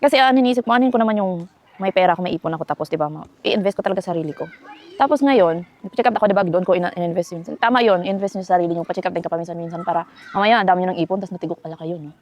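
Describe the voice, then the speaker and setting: A woman's voice: fairly low pitch, very fast, a little mellow. A young woman from the Philippines chatting casually to her viewers from home in a life-update vlog, rambling with fillers and self-corrections. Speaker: vlogger.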